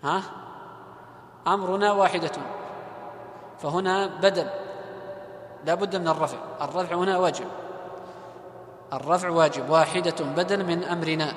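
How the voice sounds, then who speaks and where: High-voiced man teaching grammar in an echoey hall. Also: steady tone, a little hiss or hum. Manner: questions the class and answers himself; recites verses slowly and loudly. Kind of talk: classroom grammar lesson.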